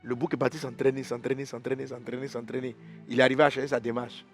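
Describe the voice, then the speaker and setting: Lively storytelling preacher. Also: male voice, mid-range voice, quick pace, soft background music. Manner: lively storyteller acting out animals, roaring. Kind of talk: devotional storytelling sermon. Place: church.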